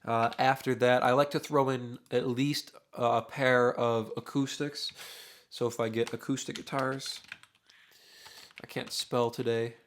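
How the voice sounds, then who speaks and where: Speaking at a measured pace with a medium pitch, a young man records a casual screen-capture tutorial on mixing from his home studio, drums in the background. He's relaxed, working while thinking out loud and saying uh a lot. His voice is going, leaving it slightly worn.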